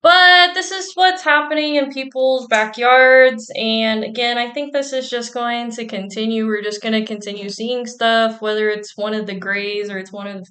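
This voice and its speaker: Woman host, fairly high voice, breezy conspiratorial chat, trailing phrases and fillers. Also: steady tone, moderate pace, few pauses, pushed and bright. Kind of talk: casual commentary on viewer clips.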